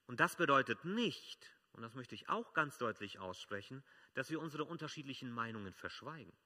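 A man preaching a sermon as pastor, emphatic, swelling loud and dropping soft. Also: mid-range voice, very animated, fairly quick.

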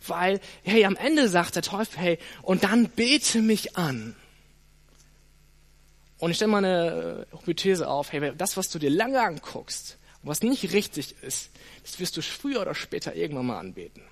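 A man preaching a sermon, speaking straight to his listeners with frequent "hey" and "ne?", with a lively, varied delivery. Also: high voice, normal speed, gravelly.

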